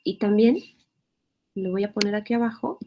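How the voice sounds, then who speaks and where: A woman explains spelling rules in a mellow, relaxed voice. She repeats her points and keeps checking that the student is following. A faint noise sits under the recording. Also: mid-range voice, moderate pace. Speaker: teacher. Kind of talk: spelling lesson.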